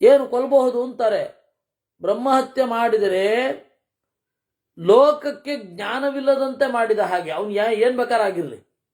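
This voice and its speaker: An unhurried scripture expounder with a mid-pitched voice. Verses are chanted slowly and evenly, then unpacked in relaxed, everyday speech. Rhetorical questions keep the explanation moving at a calm, deliberate pace. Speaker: Purana expounder.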